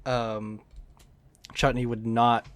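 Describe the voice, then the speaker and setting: A man's voice: mid-range voice, level tone, very slow, no room sound. A man hosting a casual chat, talking informally and circling back to rephrase himself. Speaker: podcast host interviewing a fellow player.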